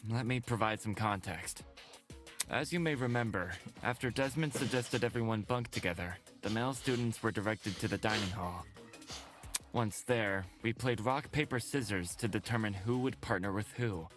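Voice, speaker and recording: A man voicing a formal, composed young male student, speaking in a measured way. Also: on the low side, a bit bright, soft background music, lightly acted. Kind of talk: game voice acting.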